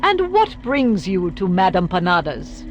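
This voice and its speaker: An actress playing a welcoming mystic fortune-teller who greets people theatrically in a video game. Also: female voice, lowish voice, wildly swooping pitch, a little slow, soft background music. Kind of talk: video game character dialogue.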